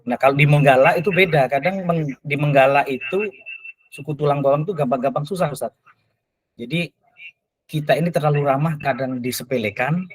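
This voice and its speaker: A man, a teacher who is the guest on a talk show, telling stories in a lively, animated way. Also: no echo, low-quality recording. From Lampung, Indonesia. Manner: animated storyteller, rises in pitch when excited. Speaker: teacher, invited guest speaker. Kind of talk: casual talk-show answer.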